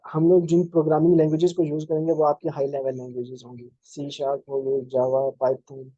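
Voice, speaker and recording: Flat-voiced man teaching a lecture. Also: a little high, no room sound, muffled recording. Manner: unhurried explaining with many fillers and restarts. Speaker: programming instructor. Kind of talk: live online lecture.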